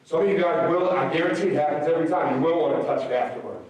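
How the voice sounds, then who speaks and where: A slightly hoarse man giving an energetic motivational speech to a school assembly, swinging between loud peaks and soft asides. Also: fairly high pitch, very fast, far from the mic. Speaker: motivational speaker. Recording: very echoey hall, recorded from afar.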